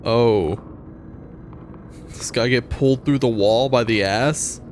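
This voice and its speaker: A man's voice: medium pitch, slow pace, a little hiss or hum. Fields: Sex: man. Style: wry let's-play commentary. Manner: wry, joking asides while playing. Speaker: gaming commentator.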